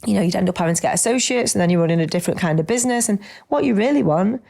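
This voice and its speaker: A middle-aged woman chats about coaching clients. She talks in an animated, familiar way, often calling people babe. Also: medium pitch, rapid-fire, vocal fry. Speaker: business coach. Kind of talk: casual podcast chat.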